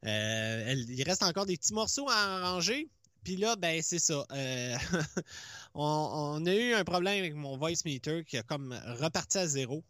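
A man's voice: on the high side, lively intonation, measured pace, fairly bright tone, no room sound, clean studio sound. A man from the Laurentides with a Quebec French accent, co-hosting a podcast on a computer mic, joking and self-mocking with stammered restarts. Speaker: podcast co-host. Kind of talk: casual chat. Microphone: headphones and computer mic.

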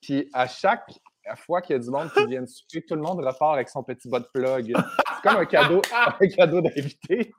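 A man's voice: fairly high pitch, expressive, normal speed, fairly bright tone, slight background noise. A man in his thirties from Saguenay with a Quebec French accent, a guest actor chatting casually over a video call, playful, hesitant when turning serious. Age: 30s. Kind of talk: casual interview chat.

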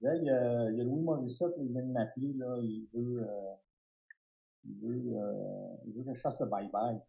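A man with a Québécois accent telling an animated, self-mocking story full of fillers and restarts. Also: medium pitch, normal speed, vocal fry, phone-quality sound. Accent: Québécois French. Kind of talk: casual storytelling.

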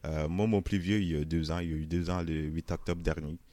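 A young man with a very low, deep voice speaks French with a Senegalese accent softened toward Canadian French. He talks in a relaxed, chatty way, laughing often and dropping casual fillers. The sound is close and dry, with no room echo. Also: brisk. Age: young adult. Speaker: interviewee. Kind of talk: casual interview.

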